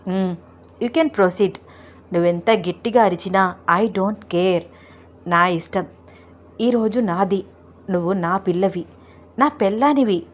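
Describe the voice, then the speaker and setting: Eager young husband, insistent, coaxing, slow, low, storybook, woman voicing.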